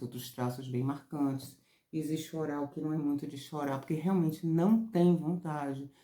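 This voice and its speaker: A woman therapist from Brazil, explaining character traits in a casual teaching talk, expressive, getting higher and louder when excited. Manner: expressive, rises high and loud when excited. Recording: roomy echo.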